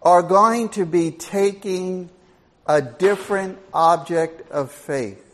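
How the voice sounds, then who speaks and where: Older male preacher, slow and unhurried, folksy storyteller who drives home his points. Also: high-pitched, fairly bright tone, a little hiss or hum. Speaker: Bible teacher. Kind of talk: Bible teaching sermon.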